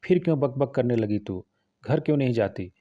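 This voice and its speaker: A man's voice: medium pitch, animated, brisk, warm tone, muffled recording, lightly acted. A man reading a stern, weary village farmer. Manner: stern, restrained. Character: weary patient village farmer, older brother.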